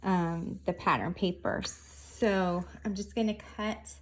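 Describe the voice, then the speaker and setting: A woman's voice: fairly low pitch, steady tone, a little hiss or hum, low-quality recording. A woman hosting a casual craft tutorial, talking through each step of her handiwork as she goes. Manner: unhurried, narrating each hand movement as she works.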